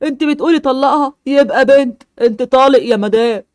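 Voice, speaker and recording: Voiced by a performer, a hard-headed middle-aged Egyptian father who cares only about having a son. He talks at a rapid clip, curt and stubborn. The voice is dry and close-miked. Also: high voice, darkish tone, smooth, no room sound, natural voice. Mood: harsh. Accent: Egyptian Arabic. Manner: blunt, stubborn, dismissive. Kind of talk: amateur animated-game movie voice acting.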